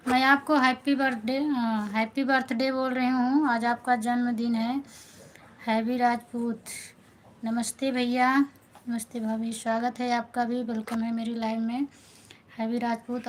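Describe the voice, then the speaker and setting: A middle-aged woman from north India hosts a casual live stream from her phone. Her voice sits a little high. She talks in a chatty way, greets viewers by name and thanks them again and again. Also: low-quality recording. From Awadh, north India. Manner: chatty, warm-toned greetings, repeats thanks, reads out viewer names. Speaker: folk singer hosting a live stream.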